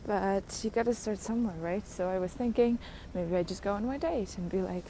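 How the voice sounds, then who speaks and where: A woman's voice: mid-range voice, fairly quick, dark tone, slight background noise. A young adult woman hosting a podcast, rambling through a casual solo rant, mocking herself and laughing often. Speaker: podcast host.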